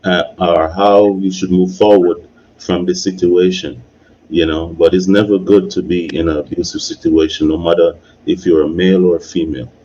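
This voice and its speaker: A video creator hosts a live discussion, his low, mellow voice level and moderately paced as he casually offers opinions and advice, repeating points and often asking "you know." The audio has its highs cut off and a little background noise.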